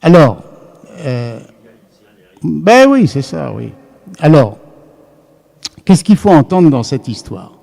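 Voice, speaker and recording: A man's voice: medium pitch, expressive, slow pace, creaky, pauses often, mellow. A man giving an academic lecture to a live audience, thinking aloud and often restarting his sentences. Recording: long reverb of a lecture hall.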